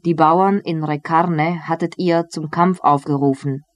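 A reader voicing a ruthless, mocking medieval lord who gives cruel commands, in a slow literary reading. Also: medium pitch, steady tone, no echo, lightly acted. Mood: accusing. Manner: scornful, commanding.

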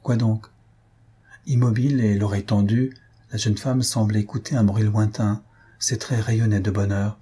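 A man narrating a nineteenth-century story in a measured, storytelling manner. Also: fairly low pitch, level tone, dark tone, breathy edge. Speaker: audiobook narrator. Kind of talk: literary audiobook narration.

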